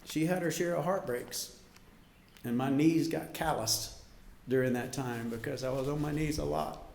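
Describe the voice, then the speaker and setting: A man's voice: mid-range voice, animated, normal speed, darkish tone. A middle-aged man giving a heartfelt wedding toast as father of the bride, speaking emphatically and emotionally, holding back tears. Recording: echoey room.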